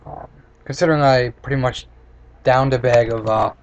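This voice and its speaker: Faint noise sits behind a young man recorded on a webcam in a small room. His voice is of average pitch. He talks casually in a blunt, sarcastic way, like a home reviewer given to ranting. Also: steady tone, normal speed. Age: 20s. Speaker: snack reviewer. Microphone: computer webcam at close desk distance.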